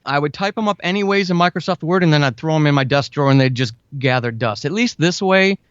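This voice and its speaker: A man's voice: fairly high pitch, fast talker, a bit bright, smooth, no echo. A man in his forties talking casually and earnestly as an interview guest, with an enthusiastic manner. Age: 40s. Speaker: guest, fiction and audio drama writer. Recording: dull, lo-fi band-limited audio.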